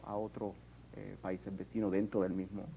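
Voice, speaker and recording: A Puerto Rican sculptor in an interview, speaking in a reflective, hesitant way with many fillers and restarts. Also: male voice, sits low, little pitch movement, moderate pace, vocal fry, warm tone, a little hiss or hum, poor audio. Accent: Puerto Rican Spanish. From Puerto Rico. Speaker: artist, sculptor. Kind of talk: interview conversation.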